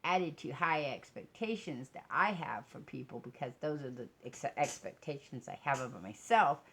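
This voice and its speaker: A woman with a strikingly low voice rambles candidly in a casual personal vlog, drifting between thoughts and often switching track mid-sentence. Her intonation is lively, her pace normal, and her tone a bit bright and slightly rough.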